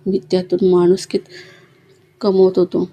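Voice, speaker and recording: A woman reading a gentle, loving elderly father's lines in a storybook tale, in a tender voice. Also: lowish voice, completely flat delivery, a little slow.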